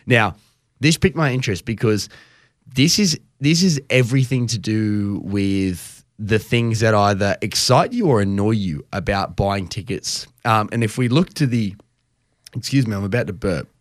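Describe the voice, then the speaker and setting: A man's voice: fairly low pitch, animated, moderate pace, no room sound, clean studio sound. A man co-hosting a podcast, chatting casually in a rambling way, often breaking off his sentences for jokey asides. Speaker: podcast co-host. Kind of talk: casual chat.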